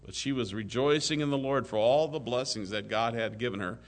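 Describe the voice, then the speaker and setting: A man preaching a sermon to his congregation, rising loud on key phrases and dropping to a soft, hushed tone. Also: mid-range voice, brisk. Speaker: pastor.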